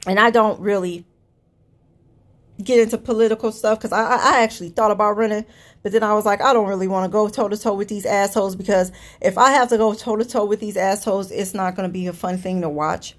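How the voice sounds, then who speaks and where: Talking fast in a steady, medium-pitched voice, this podcast host blasts politics on her one-woman show. She's from the Cleveland area, swears a great deal, and sounds thoroughly exasperated.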